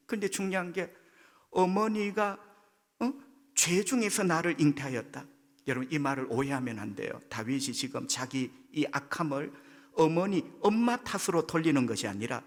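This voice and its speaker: A male pastor with a Gyeongsang accent preaching a sermon, leaping in pitch as he acts out quoted voices. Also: fairly bright tone. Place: church sanctuary. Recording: long church hall reverb.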